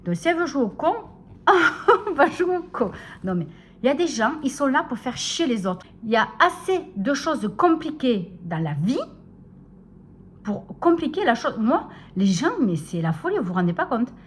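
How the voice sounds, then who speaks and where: A woman's voice: fairly high pitch, very animated, normal speed, slight background noise. Exasperated woman ranting. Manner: exasperated ranting, frequent filler words. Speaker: vlogger. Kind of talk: casual vlog chat. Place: home.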